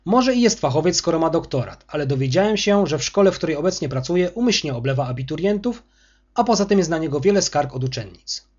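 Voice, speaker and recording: A man's voice: on the high side, lively intonation, fast talker, a little mellow, highs cut off, voice pushed up. Man playing a polite older headmaster. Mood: restrained. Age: 60s. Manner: polite, restrained, defensive. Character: older male school headmaster, calm but offended.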